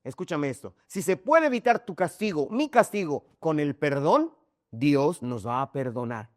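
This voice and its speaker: Emphatic preaching man, higher voice. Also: very animated, normal speed, no echo, studio quality. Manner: emphatic preaching, often calls listeners "hermano". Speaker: pastor. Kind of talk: sermon.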